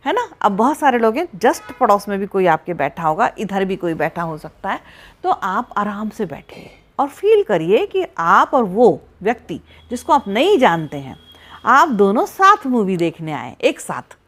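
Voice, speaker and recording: Lively-voiced woman psychologist giving advice. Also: mid-range voice. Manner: warm coaching tone, addresses listener directly with "है ना". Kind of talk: advice talk to camera.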